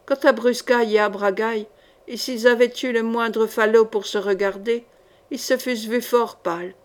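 A woman reading an adventure novel aloud as scripted narration, with expressive storytelling. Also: a little high, normal speed. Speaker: audiobook reader.

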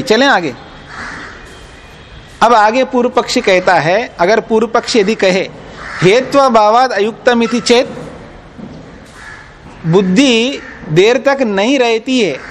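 A man's voice: high-pitched, slight background noise. A man teaching a philosophy class, explaining texts patiently and pressing his students with firm questions. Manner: explains patiently, quizzes listeners, firm and insistent. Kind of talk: classroom lecture on scripture.

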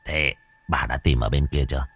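A man voicing a gruff, worried older village landowner who speaks in curt, commanding questions. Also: very deep voice, fairly even intonation, normal speed, fairly bright tone, no echo, pitched below the performer's own voice, heavily acted.

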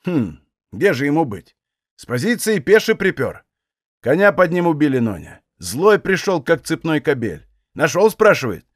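A man's voice: a little high, big pitch swings, moderate pace, no room sound, clean studio sound. A man doing a grumbling old Cossack. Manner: rough folksy grumbling.

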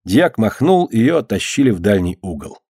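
A man's voice: on the low side, sing-song, normal speed, darkish tone, breathy edge, no echo. Male audiobook reader, dry close voice. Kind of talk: scripted narration.

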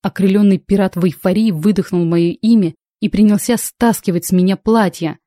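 A woman narrating a first-person novel in an audiobook with expressive storytelling. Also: medium pitch, a little fast, no echo, clean studio sound. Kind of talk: first-person fiction reading.

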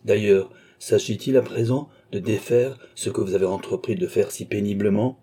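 A man's voice: lowish voice, steady tone, normal speed, warm tone, slightly rough. A man reading as a stern, moralizing doctor. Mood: solemn. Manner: solemn, commanding exhortation. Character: stern older male doctor, grave moralist. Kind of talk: audiobook character voice.

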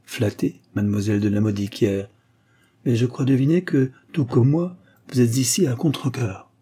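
A man's voice: mid-range voice, moderate pace, mellow, breathy edge, close to an everyday voice. A man reading an audiobook, voicing a witty, teasing young male count in playful, ironic banter.

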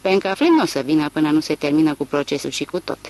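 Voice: medium pitch, very animated, a little mellow, poor audio. A reader voicing Ratliff, a wry country peddler.

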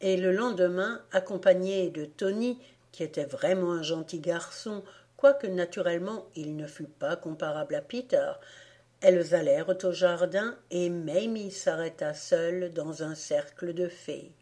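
Slow, mellow woman reading a storybook. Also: on the low side. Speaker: audiobook reader. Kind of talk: storybook narration.

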